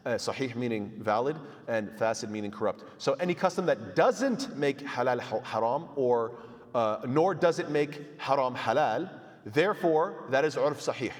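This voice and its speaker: A man gives a conversational lesson on Islamic law, dropping in Arabic terms and playing out quick everyday exchanges with a joking touch. His voice sits at an ordinary middle pitch for a man. The sound carries a long reverb, as if recorded in a large hall. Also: animated. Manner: conversational, joking asides, acts out little dialogues. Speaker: Islamic studies teacher. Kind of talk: casual classroom lecture. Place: mosque hall.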